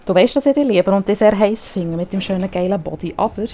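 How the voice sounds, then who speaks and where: A woman's voice: medium pitch, animated, fast talker, dark tone, a little hiss or hum. A woman with a Swiss German accent commentating a video game, chatty and swearing at the character on screen. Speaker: gaming streamer. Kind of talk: let's play commentary.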